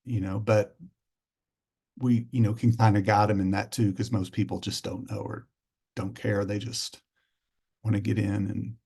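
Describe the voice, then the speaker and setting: A man's voice: on the low side, flat delivery, moderate pace, gravelly, pauses often, darkish tone, breathy edge. Man explaining with loose fillers. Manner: loose, conversational, many fillers. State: out of breath. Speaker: counseling center staff. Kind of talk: explaining on a video call.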